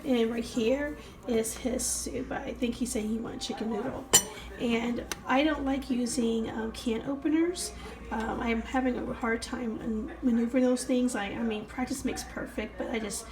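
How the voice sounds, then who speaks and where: A woman's voice: on the high side, fairly even intonation, moderate pace, reverberant. A woman vlogger with a cold, casually explaining a cooking routine step by step as she handles things in her home kitchen. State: has a cold. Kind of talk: casual vlog demonstration. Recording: noisy home kitchen recording.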